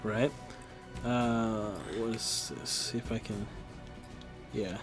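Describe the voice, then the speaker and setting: A man's voice: on the low side, level tone, takes it slowly, over music. A man casually chatting while playing a video game, reading on-screen text aloud under his breath. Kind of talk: casual gameplay chat.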